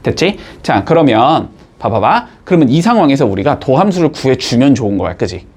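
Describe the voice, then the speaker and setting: A man teaching a math class, explaining step by step and checking in with his students with quick rising tags. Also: medium pitch, big pitch swings, gravelly, a little mellow, slightly rough. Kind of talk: classroom lecture.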